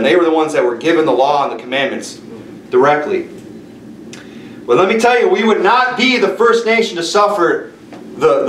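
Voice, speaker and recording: Forceful middle-aged preacher in echoey room. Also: male voice, a little high, far from the mic, a little hiss or hum. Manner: forceful preaching with slow emphatic scripture reading. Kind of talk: sermon. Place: small church room with piano.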